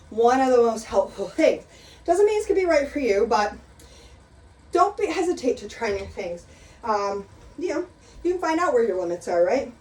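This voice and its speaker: A woman's voice: a little high, a little mellow, a little hiss or hum. A middle-aged woman teaching an exercise class, chatty and encouraging, out of breath as she talks through the moves. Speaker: exercise instructor. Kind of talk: live exercise class instruction. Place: room with a chair, exercising. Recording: echoey room, mic at a distance.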